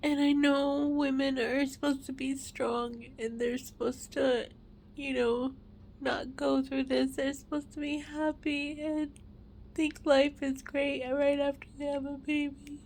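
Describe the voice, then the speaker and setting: Woman, high voice, snotty crying, slow halting delivery of an emotional confessional vlog, with some background noise. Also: level tone, a little mellow. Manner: halting, broken phrases with long pauses. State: crying, tearful, snotty sobbing voice. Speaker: mother sharing a personal testimony.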